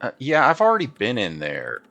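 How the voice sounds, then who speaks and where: A man's voice: medium pitch, huge pitch swings, fairly quick, creaky, fairly bright tone, muffled recording. A man giving casual gameplay commentary, thinking aloud informally and reading dialogue options out. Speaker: game streamer.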